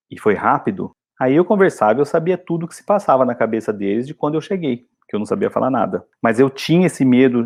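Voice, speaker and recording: A man's voice: mid-range voice, darkish tone. A Brazilian man, an English teacher, giving a chatty and encouraging video lesson.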